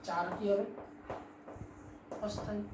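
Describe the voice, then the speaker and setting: A woman teaching a class, asking questions and answering them herself, dictating points slowly for her students. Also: medium pitch, steady tone, darkish tone, a little hiss or hum. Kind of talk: classroom chemistry lesson. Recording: echoey room, mic at a distance.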